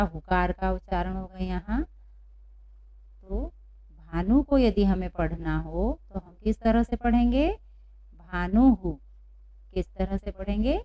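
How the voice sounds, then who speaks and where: A woman teaching pronunciation in a classroom-style lesson, asking questions and slowly repeating each answer. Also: mid-range voice, highs cut off. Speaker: Sanskrit teacher.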